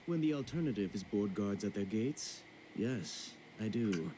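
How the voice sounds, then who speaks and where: An actor playing a fussy, pompous male bureaucrat on a ship in a video game, with prim, fastidious diction. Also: on the low side, animated, mellow, a little hiss or hum, poor audio. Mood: smug.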